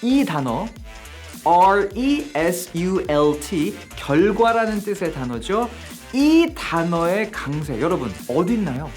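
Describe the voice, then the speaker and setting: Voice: medium pitch, very animated, slow, darkish tone, faint music behind. An English teacher giving a video lesson, explaining step by step and asking viewers questions along the way.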